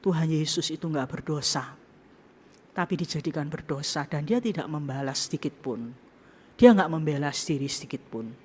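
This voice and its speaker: A woman's voice: low-pitched, normal speed, a little hiss or hum. A woman pastor preaching a sermon in a casual, conversational way, often acting out quoted speech. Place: church hall. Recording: long hall reverb.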